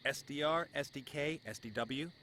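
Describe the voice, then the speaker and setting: A man voicing an eager, chatty adventurer in a fantasy video game, casual and expressive. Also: on the high side, normal speed, a little hiss or hum. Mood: amazed. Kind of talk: video game character acting.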